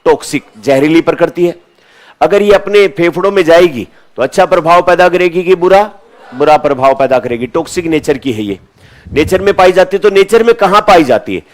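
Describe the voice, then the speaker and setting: High-voiced man teaching a lesson. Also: lively intonation, brisk. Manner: asks questions and answers them himself, repeats key terms. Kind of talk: classroom lecture.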